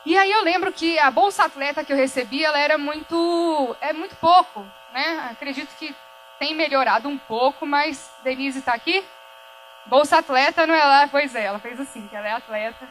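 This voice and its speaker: A woman's voice: sits high, fairly bright tone, slight background noise, low-quality recording. A young Brazilian woman speaking at a workshop, telling a personal story in an earnest way, correcting herself as she goes and acting out quoted dialogue. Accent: Brazilian Portuguese. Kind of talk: personal testimony talk. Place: event hall.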